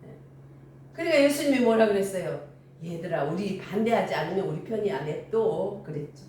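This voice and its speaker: A woman's voice: mid-range voice, brisk, a little hiss or hum. An older woman preaching a sermon and telling stories animatedly, acting out the dialogue. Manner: animated storytelling with acted-out dialogue. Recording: echoey room from far off with faint ambience.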